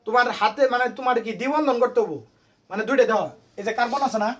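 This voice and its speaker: A male tutor runs an informal lesson for students, firing off one question after another. His voice sits high and his pace is quick. He talks to the students in a small room. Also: a bit bright. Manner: quizzing students with constant questions. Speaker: private tutor.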